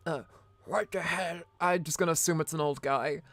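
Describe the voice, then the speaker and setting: A woman giving casual, playful and excitable gameplay commentary as a game streamer. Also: low voice, moderate pace, dry recording. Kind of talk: casual gameplay commentary and reading dialogue aloud. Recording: game music behind the voice. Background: game music.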